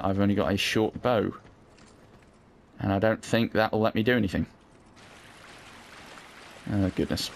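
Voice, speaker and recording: Low-voiced British man, dry gaming commentary. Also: a little hiss or hum. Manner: sweary, dry, wry understatement. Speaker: let's play host. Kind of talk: casual gameplay commentary. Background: video game sound.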